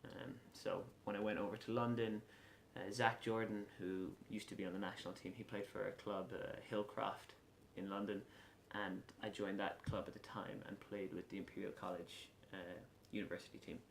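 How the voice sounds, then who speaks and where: A man in his late twenties with a west of Ireland accent, answering casually in an interview with frequent pauses. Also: fairly low pitch, little pitch movement, gravelly. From Galway, west of Ireland. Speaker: lacrosse player being interviewed. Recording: echoey room with faint background noise.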